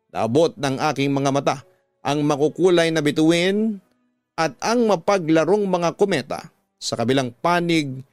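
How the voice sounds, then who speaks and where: Over background music, a man with a Filipino accent narrates a scripted, dramatic tale as a radio storyteller. The studio voice is dry with no echo and a little high, his phrasing slow, deliberate and full of emotion.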